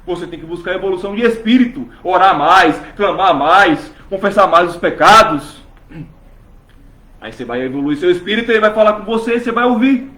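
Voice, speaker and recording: Fervent high-voiced male preacher, echoey church. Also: lively intonation, fairly quick, bright, forceful tone. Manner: fervent, rhetorical questions, voices imagined churchgoers. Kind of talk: sermon.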